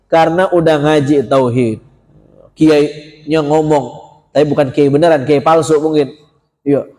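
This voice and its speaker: A man's voice: a little high, a little mellow. A male preacher giving a casual, joking mosque sermon and often questioning his audience. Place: mosque hall. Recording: long reverb of a mosque hall.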